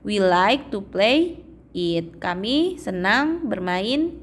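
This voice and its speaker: A young adult woman teaching English to children, drawing out example phrases slowly and checking in often. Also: mid-range voice, animated. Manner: slow, drawn-out reading of English phrases, frequent "ya" checks. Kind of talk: explaining English lesson to children.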